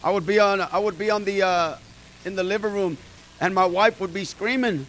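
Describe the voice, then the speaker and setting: A middle-aged male pastor gives an informal sermon to a small group, folksy and emphatic, speaking to the congregation directly. His high voice is a bit bright and moves at a moderate pace. Audio quality is poor, with light hiss in the room.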